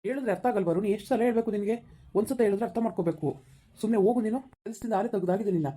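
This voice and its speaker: A woman's voice: mid-range voice, racing, warm tone, husky, close to an everyday voice. A woman playing a stern middle-aged male office boss who lectures and scolds an employee in a village skit. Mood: scolding.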